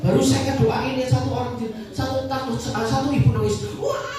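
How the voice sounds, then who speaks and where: A woman pastor preaching a sermon, telling stories in an animated way with many exclamations. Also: sits high, moderate pace, over music. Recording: echoey hall from far off, faint noise.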